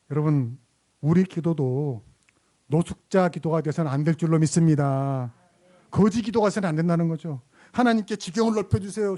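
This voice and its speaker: High-voiced male pastor preaching. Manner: rhetorical questions to the congregation; animated storytelling. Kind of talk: sermon.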